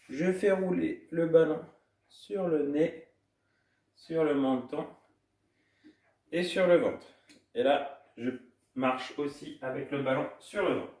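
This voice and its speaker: A man's voice: fairly high pitch, a little mellow. Cheerful man coaching kids' gym, echoey room. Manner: cheerful, sing-song, demonstrating while moving. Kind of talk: instructional talk to small children. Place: indoor room at home. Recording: echoey room, distant from mic.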